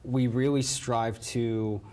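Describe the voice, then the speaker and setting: This courteous West Virginian answers interview questions in his role as a nurse manager, saying "yes ma'am" along the way. His American voice is medium-pitched and dark in tone, delivered slowly and evenly.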